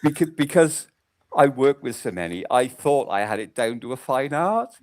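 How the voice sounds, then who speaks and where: A man's voice: mid-range voice, sing-song, moderate pace. A man in casual conversation, talking in a plain, anecdotal way. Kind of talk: casual chat, telling anecdotes.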